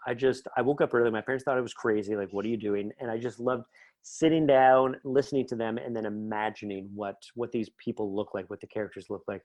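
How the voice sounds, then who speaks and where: This writer, a middle-aged Canadian man from Northern Ontario, is a podcast guest with a lowish, darkish voice. His interview talk is casual and enthusiastic, full of tangents. The recording is dry.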